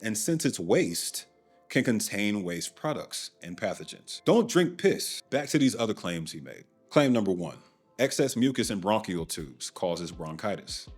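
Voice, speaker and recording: A man's voice: on the low side, big pitch swings, unhurried, slightly rough, faint music behind. A man hosting and narrating a documentary in a scripted way, with dry, sardonic asides. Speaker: documentary host.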